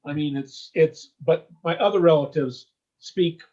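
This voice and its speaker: Here a man from the US chats warmly and loosely in an informal interview, punctuating his thoughts with "okay?" and "you know?". He's on the high side, unhurried, and the sound quality is lo-fi.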